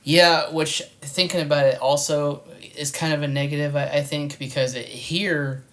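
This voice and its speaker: A man's voice: fairly high pitch, fairly even intonation, normal speed, a bit bright. A man co-hosting a film review, talking in casual, hesitant chat with lots of filler words.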